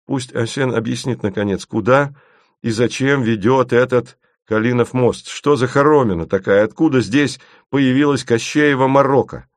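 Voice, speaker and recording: Мужчина в роли рассудительного Тимофеева. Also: male voice, mid-range voice, normal speed, no room sound, clean studio sound, lightly acted. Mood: inquisitive. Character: calm curious young man, reasonable.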